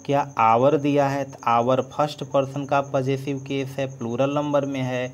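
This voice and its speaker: A man teaching an English lesson, spelling words out letter by letter as he writes and trailing off softly. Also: mid-range voice, slight background noise. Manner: dictates letter by letter, trails off softly while writing. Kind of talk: slow board-writing lesson, spelling out words.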